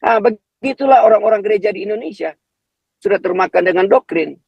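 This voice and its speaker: A man's voice: high voice, a little fast, vocal fry, breathy edge, no echo. A man arguing his point over an online call, his voice coming through half robotic and glitchy, with repeated fillers and restarted words. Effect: glitchy, half-robotic online call audio. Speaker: speaker in an online discussion. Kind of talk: impassioned talk. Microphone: video call. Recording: dull, lo-fi online call audio.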